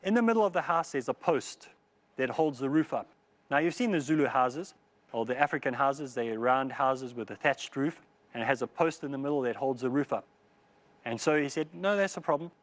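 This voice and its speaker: Man, storytelling sermon, acts out characters, mid pitch. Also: normal speed. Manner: animated storyteller acting out characters' lines. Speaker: preacher.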